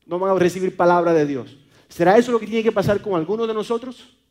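A man's voice: high-pitched, fairly even intonation, fast talker, a little mellow. A man from Maracaibo with a Venezuelan accent, preaching a sermon, often repeating words and stumbling on fillers as he calls listeners brother.

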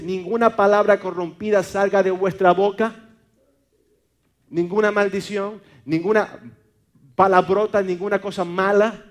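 High-voiced Venezuelan preacher man. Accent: Venezuelan, Maracaibo. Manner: repeats words and stammers fillers, calls listeners brother. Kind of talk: sermon.

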